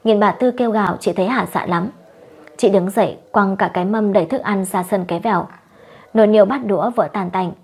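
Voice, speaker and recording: A woman tells a family story aloud. Her voice is husky and sits at a middle pitch. She reads the characters' lines without changing her voice much. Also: brisk, a little mellow. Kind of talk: scripted story narration.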